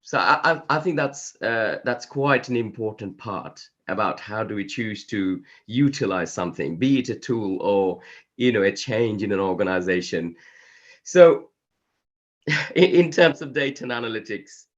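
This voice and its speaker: A man with a cold and a croaky voice, presenting a conference talk over a video call in a measured, hesitant way. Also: fairly low pitch, animated. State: hoarse from a cold. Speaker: conference speaker. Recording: dull lo-fi video call audio.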